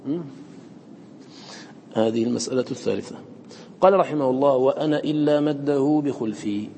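A man teaching Quran recitation to students. He chants the recited words slowly between quicker explanations and checks in with short questions. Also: mid-range voice, vocal fry, warm tone, long reverb tail, a little hiss or hum.

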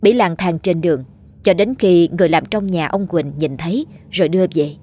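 Low, husky woman narrating a ghost story. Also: fairly quick, mellow.

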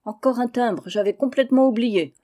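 A woman reading aloud, voicing an exasperated, grumbling old male postmaster in a mellow voice. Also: on the high side, moderate pace, voice pushed up, lightly acted.

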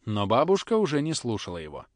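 Male audiobook narrator, measured and expressive, lively pitch, dry close sound. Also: dry recording. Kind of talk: scripted narration.

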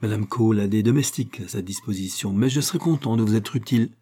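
A man voicing an upright country gentleman who speaks in an authoritative, curt way. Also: fairly low pitch, quick pace, breathy edge. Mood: firm. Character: firm, upright country gentleman, dry and brief.

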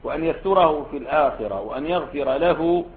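A man's voice: on the high side, expressive, fast, a little hiss or hum. A male scholar giving a classroom lesson explaining a classical text, posing questions to his students as he goes. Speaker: Islamic scholar teaching a text. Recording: tinny phone-like lecture recording.

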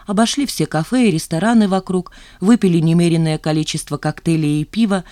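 An audiobook narrator reading a novel in an even, measured way. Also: medium pitch, no echo, clean studio sound. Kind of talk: scripted narration.

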